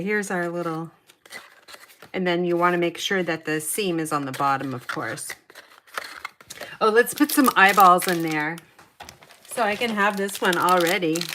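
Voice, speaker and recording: A woman's voice: fairly low pitch, sharp tone, a little hiss or hum. A middle-aged woman chatting her way through a paper craft tutorial, talking to herself as she works. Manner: chatty, talks to herself while working. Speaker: papercraft demonstrator.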